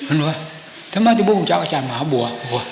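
An older man, a senior monk with an Isan northeastern Thai accent, telling stories from memory in an informal, animated old-man way and acting out the dialogue. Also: fairly high pitch, fast, lo-fi sound. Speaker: senior Buddhist monk reminiscing. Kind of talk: informal storytelling, reminiscing. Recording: echoey hall with clear background noise.

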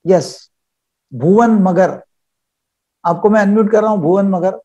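A man's voice: sits high, a little slow, mellow, muffled recording. An older man, a psychiatrist leading a live webinar over a video call, explaining by acting out little dialogues.

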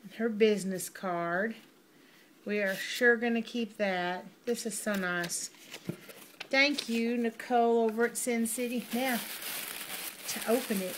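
Woman, middle-aged, bubbly vlogger, slightly high voice; noisy home recording. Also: a little slow. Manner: gushing, chatty, addresses viewers as y'all. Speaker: vlogger unboxing a mail order. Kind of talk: casual unboxing chat.

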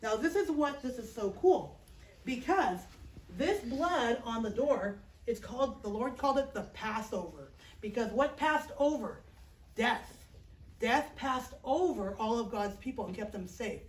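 In a small classroom, a middle-aged children's chapel teacher with a high voice tells a Bible story in an unhurried way, yet with big energy, gesturing to act it out and asking the kids "okay?" along the way. The audio comes from a far-off camera with no visible microphone, giving a roomy echo and a faint hiss underneath.

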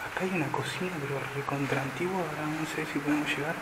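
Very noisy handheld camera audio carries an Argentine man's voice, a little higher than average. He comments casually in short, slangy bursts as he explores an empty building at night. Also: fast. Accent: Argentine Spanish. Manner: informal, slangy, speaking in short remarks.

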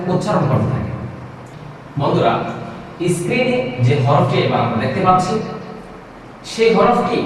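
A man's voice: a little high, far from the mic, slight background noise. Patient Bangladeshi man teaching in an echoey hall. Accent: Bangladeshi Bengali. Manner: patient, repetitive, drawn-out demonstrations of letter sounds. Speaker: Quran teacher. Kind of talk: recorded recitation lesson.

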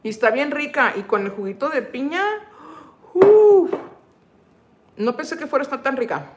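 A woman's voice: sits high, lively intonation, fast, heavy background noise. A middle-aged woman, hosting her cooking channel's livestream in a casual, chatty way, laughing often and slipping into English phrases.

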